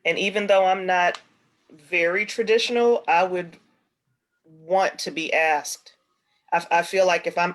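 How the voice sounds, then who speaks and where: A woman on a group call, explaining herself in measured, hesitant phrases during a casual discussion. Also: on the low side.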